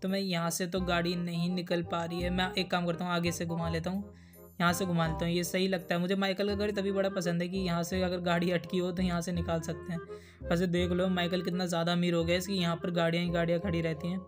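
High-pitched, fast-talking gaming narrator. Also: male voice, monotone, music in the background. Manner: chatty, talks straight to viewers; jumpy and easily spooked. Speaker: gaming YouTuber. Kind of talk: gameplay commentary.

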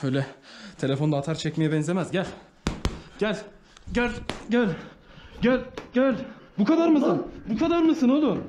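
A mocking big brother looking for a fight, played by a man, with a very high voice that swings up and down. There is clear noise behind him in this home recording. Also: lively intonation, normal speed, long pauses. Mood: taunting. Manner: taunting, mocking. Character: taunting tough older brother. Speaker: older brother in a comedy skit.

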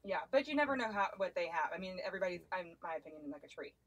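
A woman's voice: lowish voice, animated, racing, highs cut off, crowd noise. Woman, co-host, chatty, opinionated, casual talk. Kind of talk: casual chat.

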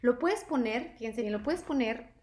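A woman hosting a live product presentation, chatty and lively, constantly checking in with her audience. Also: on the high side, moderate pace, slight background noise. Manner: lively, chatty, asks "¿sí?" often. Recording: echoey room.

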